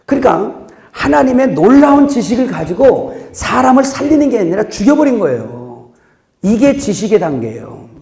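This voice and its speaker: A man preaching a sermon as pastor, swinging between loud outbursts and quiet asides, laughing at his own jokes. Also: fairly high pitch, reverberant.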